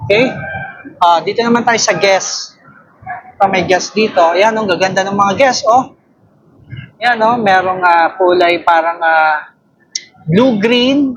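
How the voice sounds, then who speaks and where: A man with a Filipino accent casually narrating a walk through a watch store, slow and relaxed, often ending lines with "no?". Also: high-pitched, highs cut off, noisy background. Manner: slow, relaxed, filler-heavy, tags lines with "no?". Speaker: vlogger touring a watch shop.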